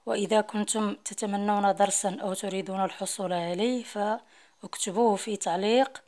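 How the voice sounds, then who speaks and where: A woman with a Moroccan accent teaching a French lesson, explaining rules and mixing Arabic and French. She reads French examples slowly and deliberately. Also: medium pitch, steady tone, a little mellow. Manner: slow, deliberate dictation when reading French rules; mixes formal Arabic with Moroccan Arabic and French terms.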